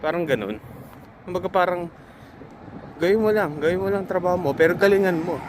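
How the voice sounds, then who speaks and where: A man's voice: high voice, animated, a little fast. Earnest Filipino man with faint traffic. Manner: earnest, reassuring, hesitant fillers. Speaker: vlogger giving advice to fellow nurses. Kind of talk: casual advice vlog.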